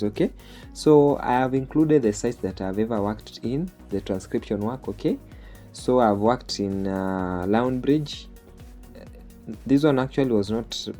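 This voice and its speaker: His lowish, warm voice carries a Kenyan accent; Swahili is his native tongue. He guides viewers through an online jobs tutorial on screen share step by step, frequently closing phrases with "okay?"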